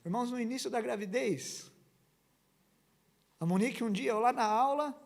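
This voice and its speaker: A young man preaching a sermon, passionate, slowing down to stress points and telling stories with lively energy. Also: very high-pitched, creaky. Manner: passionate, slows down for emphasis, then tells stories animatedly. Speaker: pastor.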